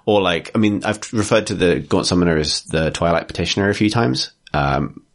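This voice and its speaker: A man's voice: deep voice, a little fast. A man co-hosting a casual chat about tabletop wargames, thoughtful and hesitant, with frequent fillers and restarts. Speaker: podcast co-host.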